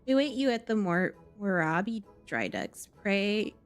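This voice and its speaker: A woman reading as a calm formal leader. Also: mid-range voice, faint music behind. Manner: formal, measured. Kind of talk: reading game dialogue aloud.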